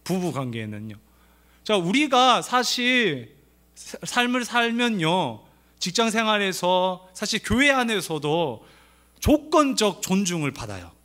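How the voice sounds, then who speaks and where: A middle-aged pastor from Korea's Gyeongsang region, carrying a light Gyeongsang accent, preaches at a church family seminar in a lively, playful way, acting out the lines he quotes. His voice sits high and his delivery is unhurried.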